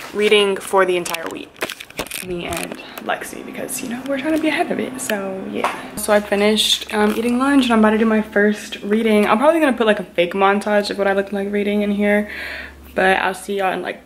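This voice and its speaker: A young woman chats to her camera about her day, loose and talkative, trailing off with fillers as she goes. Her voice sits mid-range. The home recording carries clear background noise. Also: mid-range voice. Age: young adult. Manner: chatty, talks straight to viewers, trails off with fillers. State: out of breath. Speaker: law student vlogger. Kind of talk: casual vlog chat. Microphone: on-camera mic.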